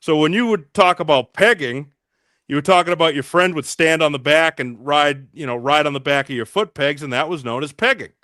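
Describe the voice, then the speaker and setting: A man with a Massachusetts accent, chatting casually and telling a deadpan joke story on a video call. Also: fairly high pitch, brisk, no echo, studio quality. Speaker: guest.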